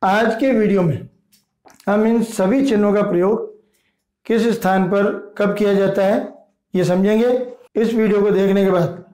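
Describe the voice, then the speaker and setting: A man with a high, mellow voice explains a grammar lesson. He names each term slowly and deliberately, one at a time. The sound is roomy and echoey. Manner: slow, deliberate listing of terms. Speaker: teacher. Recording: echoey room.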